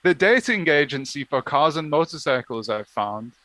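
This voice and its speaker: A man's voice: a little high, very animated, normal speed, fairly bright tone, dry recording. A man co-hosting a casual live stream, chatting while searching for things aloud. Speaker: streamer co-host.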